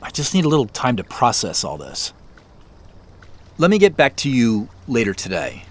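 In a naturalistic audio drama, a man portrays a business leader who is thoughtful, wry and a bit worn out, speaking haltingly and without much force. His pitch swings hugely, and he comes across as reluctant.

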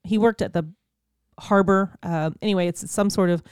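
A woman spins a story for her podcast co-hosts, animated and quick to laugh, acting out every person in it. Her voice sits at a middling pitch. The sound is close and dry, with no room around it. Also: smooth, no room sound. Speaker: podcast co-host. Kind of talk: casual storytelling chat.

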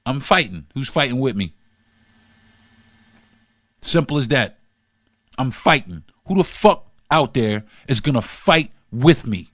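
A man's voice: mid-range voice, animated, measured pace, pauses often, fairly bright tone, dry recording. A man hosting his own podcast, delivering a fiery, profane, pleading monologue. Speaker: podcast host.

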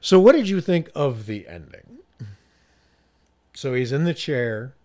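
Animated man with a lively voice. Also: mid-range voice, unhurried. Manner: animated, laughs easily, retells scenes vividly. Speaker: podcast co-host. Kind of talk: casual film discussion.

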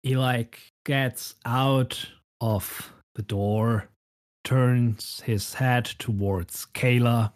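A man narrating a tabletop game as game master, unhurried and descriptive. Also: mid-range voice, steady tone.

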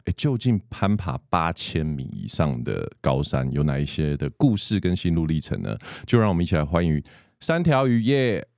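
A man's voice: sits low, big pitch swings, normal speed, gravelly, a little mellow, dry recording, studio quality. A man with a Taiwanese Mandarin accent, hosting a podcast in a conversational way. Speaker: podcast host. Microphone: close podcast microphone with headphones.

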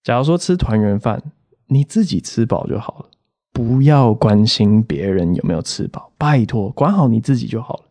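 A man's voice: on the low side, dark tone, no room sound. Exasperated man ranting on a podcast. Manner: exasperated, rant-like storytelling with quoted voices. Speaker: podcast host and comedian. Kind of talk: comedic solo podcast monologue.

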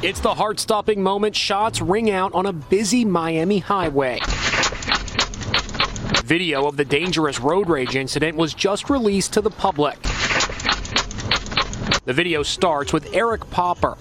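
A man narrating a news report in a measured, serious delivery. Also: high-pitched, animated, very noisy. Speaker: news correspondent.

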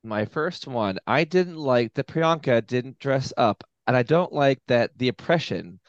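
A man from Canada, a podcast guest, giving measured, thoughtful opinions in casual chat. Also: medium pitch, animated, no room sound, lo-fi sound.

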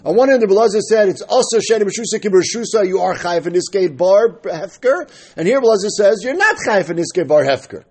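A man with teaches a religious text aloud. His voice sits high and swings widely in pitch, with a husky edge. He reads a phrase, explains it, then argues it through by posing questions and answering them. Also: expressive, brisk, hardly any pauses, a little mellow. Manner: argumentative, asking questions and answering them himself. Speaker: Talmud teacher.

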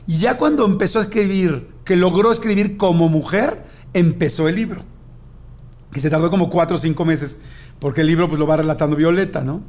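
High-voiced Mexican man telling a story. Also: a little fast. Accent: Mexican Spanish. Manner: animated anecdote-telling, acting out dialogue. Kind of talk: casual chat.

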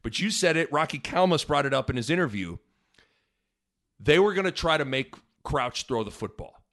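Animated man recapping a football game. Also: a little high, moderate pace. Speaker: podcast host. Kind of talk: conversational sports recap.

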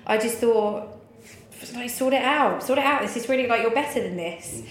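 A woman in her thirties with a rather high voice talks at normal speed as an interview guest, candidly and informally telling personal stories laced with swearing. The room is echoey, with faint background noise.

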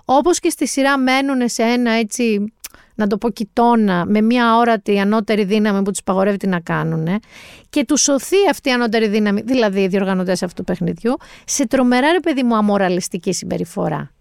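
A woman co-hosting a casual talk show, chatting lively and emphatically about new TV series. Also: mid-range voice, gravelly, clear, resonant tone, no room sound, clean studio sound. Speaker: podcast co-host recommending series. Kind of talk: casual chat.

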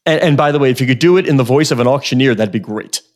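A man's voice: medium pitch, racing, darkish tone. A man hosting a podcast interview, joking and teasing his co-host and guest in casual chat.

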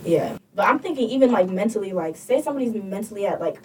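A woman's voice: medium pitch, animated, fast, warm tone, recorded from a distance, a little hiss or hum, poor audio. A woman co-hosting a podcast, chatting casually and thinking aloud with lots of "like". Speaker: podcast co-host. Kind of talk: casual chat.

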